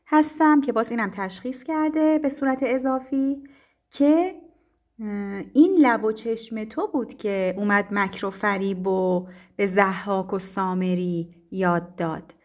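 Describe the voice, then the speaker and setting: Woman, literature teacher, patient explaining, pauses and fillers, mellow tone. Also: medium pitch. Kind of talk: explaining poetry to students.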